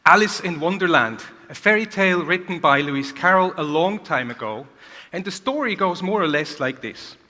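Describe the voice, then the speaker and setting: A man giving an energetic conference keynote to a large audience, asking rhetorical questions, heard in a reverberant hall. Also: high-pitched, moderate pace. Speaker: keynote speaker.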